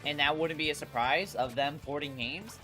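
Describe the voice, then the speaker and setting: Bright and forceful, this congested host speaks at normal speed with medium pitch during a casual gaming livestream. Music plays in the background as he swears, uses slang, and keeps repeating and restarting phrases.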